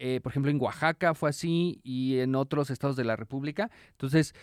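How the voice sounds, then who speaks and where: A man's voice: medium pitch, fairly quick, clean tone, dry recording, studio quality. A man with a Mexican Spanish accent on a casual comedy podcast, wry and explaining things with many fillers. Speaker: podcast co-host.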